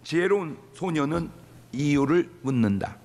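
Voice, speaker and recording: A man preaching a sermon in a church, animated and leading the congregation in call-and-response. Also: fairly high pitch, measured pace, in a large hall. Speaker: pastor. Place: church sanctuary.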